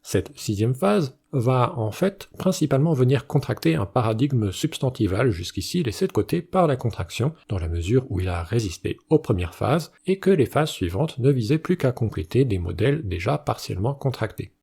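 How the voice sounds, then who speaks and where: A man, the channel's host, reading a scripted educational narration in a measured, explanatory way. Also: medium pitch, sing-song, vocal fry, darkish tone, breathy edge.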